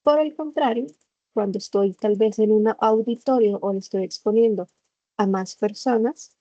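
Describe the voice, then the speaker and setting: Woman teacher, online class, mellow voice, dry muffled computer mic. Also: medium pitch, moderate pace, dry recording. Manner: patient explaining, acts out examples. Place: home, at her computer. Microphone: computer microphone. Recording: muffled video-call audio.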